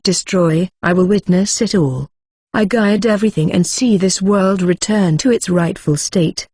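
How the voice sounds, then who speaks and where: A synthetic voice voicing a sinister monster posing as a demon, murmuring softly and gloating. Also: medium pitch, unhurried, breathy edge, dry recording, clean studio sound.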